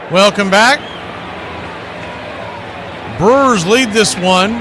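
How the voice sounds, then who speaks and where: A man calls a baseball game live on radio as the play-by-play announcer, using folksy, colorful phrasing. His voice is high-pitched and very slow, with clear outdoor ambient noise in the background.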